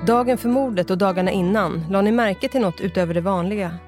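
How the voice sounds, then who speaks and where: A woman's voice: mid-range voice, over music, lightly acted. A reader voicing a polite, chatty middle-aged woman shop owner. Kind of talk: audiobook character voice.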